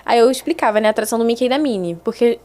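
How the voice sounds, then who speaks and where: A woman's voice: on the high side, very fast. A young adult woman, telling stories as a guest in a casual podcast chat and acting out the voices she quotes. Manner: animated, acts out quoted voices.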